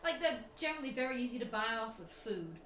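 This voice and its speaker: A woman playing a tabletop game, chatting casually in a tentative, halting way. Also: a little high, very animated, pushed and bright. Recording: echoey room with clear background noise.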